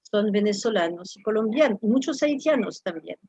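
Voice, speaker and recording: Here the same kind of guest, a Frenchwoman in her fifties who is a professor, sounds animated at a normal speed, her mid-range voice darkish and husky. Thoughtful in this reflective interview, she frequently halts and repeats words as she looks for what to say. There's no echo.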